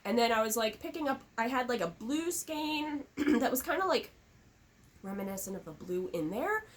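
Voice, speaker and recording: A woman's voice: a little high, animated, normal speed. A woman co-hosting a podcast in casual chat, chatty and enthusiastic, coughing now and then. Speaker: podcast co-host.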